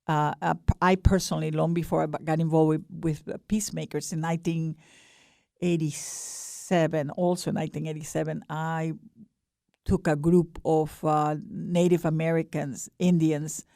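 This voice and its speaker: A mature woman with an Ecuadorian Spanish accent, a board director of a peace nonprofit, appears as a radio interview guest, speaking earnestly in a low, gravelly, mellow voice. Her delivery is flat at a normal speed, frequently halting and restarting. The recording is dry and close, with no room sound.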